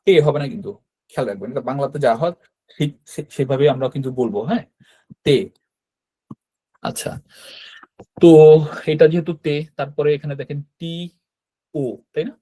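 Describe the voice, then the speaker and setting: Mellow-voiced man teaching an online class. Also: a little high, a little fast, long pauses, breathy edge, poor audio. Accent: Bangladeshi Bengali. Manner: explanatory, checks in with frequent "right?". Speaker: Japanese language teacher.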